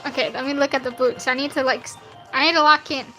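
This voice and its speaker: While livestreaming herself drawing fan art, a nineteen-year-old woman chats casually, rambling in a slangy, self-deprecating way. Her youthful voice sounds younger than her age and is high, bright, forceful, steady and fast, with soft background music and poor audio.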